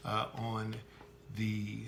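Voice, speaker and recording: A man's voice: on the low side, completely flat delivery, extremely slow, creaky, background noise. A middle-aged man hosting a casual cooking how-to, chatty and full of "uh" fillers and self-corrections. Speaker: host of a barbecue cooking channel.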